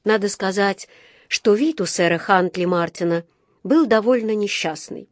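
A woman reads a children's story aloud in a clear, even storytelling manner. Her voice is mid-pitched and the sound is dry and close. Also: moderate pace, dry recording. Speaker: narrator. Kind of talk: scripted narration of a children's story.

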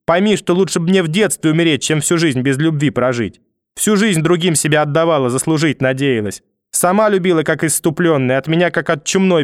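A shrill, hysterical old grandmother, put on by a man reading an audiobook, wailing and pleading one breath and spitting curses the next. Her voice sits a little high and bone-dry, close to the mic with no room around it. She is manipulative and bitter. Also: no room sound, natural voice. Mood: bitter cursing. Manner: wailing, pleading then cursing through a door.

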